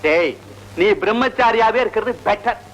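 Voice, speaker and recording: A man's voice: high voice, normal speed, fairly bright tone, rough recording. An actor playing a weary middle-aged father with dry, mocking humor in old film dialogue. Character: weary, sarcastic father of a grown son.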